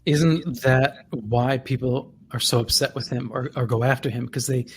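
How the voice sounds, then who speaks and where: A man's voice: medium pitch, fairly even intonation, moderate pace, a little hiss or hum. A man hosting a radio interview show in a casual, conversational way.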